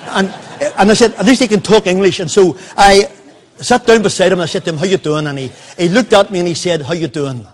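An older male preacher with a high voice speaks briskly. He tells a personal story in his sermon, quoting the people involved in dialogue form.

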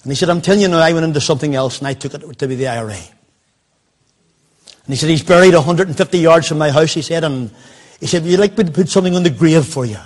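An older man preaching talks fast in a fairly high-pitched voice. His sermon features an anecdote from his own life, relayed by quoting the others in it.

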